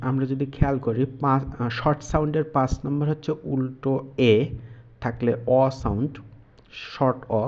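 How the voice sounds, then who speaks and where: A man teaching a lesson in a slow, patient way, pausing often with fillers. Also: medium pitch, dull audio. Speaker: English teacher. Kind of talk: explanatory lesson.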